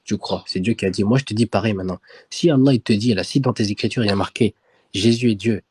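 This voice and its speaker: A man's voice: lowish voice, fast talker, darkish tone, breathy edge. A man arguing hard in an online religious debate, pressing the same demands over and over. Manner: insistent, repeats demands. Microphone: own microphone in an online voice room.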